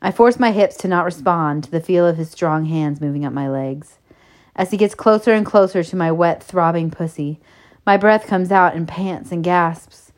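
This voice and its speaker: A woman narrating a first-person erotic story in a soft, steady, intimate reading. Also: fairly low pitch, normal speed.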